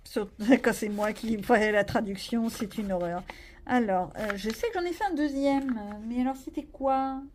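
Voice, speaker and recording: A woman's voice: a little high, normal speed, darkish tone, slight background noise. A woman vlogging casually about her coloring pages, rambling and joking at herself with lots of fillers. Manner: chatty, rambling, self-mocking, many fillers. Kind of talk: casual chat.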